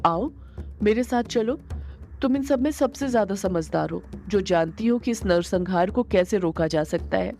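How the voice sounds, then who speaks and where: A woman's voice: medium pitch, animated, normal speed, a little mellow, a little hiss or hum, lightly acted. A woman voicing a menacing male villain who commands an army of the dead, speaking in a mock-sweet, taunting way.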